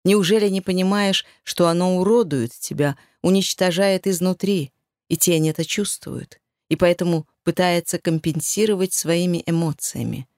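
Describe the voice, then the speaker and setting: A woman's voice: on the low side, normal speed, darkish tone, dry recording, clean studio sound, lightly acted. A woman voicing a cold, domineering male master who taunts and demands in an audiobook. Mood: demanding.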